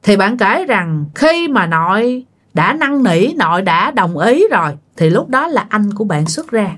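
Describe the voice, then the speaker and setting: Lively woman storyteller. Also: medium pitch, a little slow. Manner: chatty, addresses listeners directly. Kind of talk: casual ghost-story telling.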